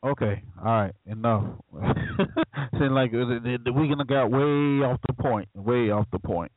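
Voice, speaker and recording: Halting male radio host, phone-like sound. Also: mid-range voice, dry recording. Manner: halting, rambling questions with fillers. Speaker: talk show host. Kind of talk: call-in radio hosting. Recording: dry phone-like line.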